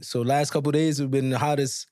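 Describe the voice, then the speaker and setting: A man's voice: medium pitch, little pitch movement, quick pace, darkish tone, studio quality. A man hosting a casual podcast chat, echoing short affirmations and sprinkling his English with Arabic religious phrases. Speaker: podcast host, former rapper.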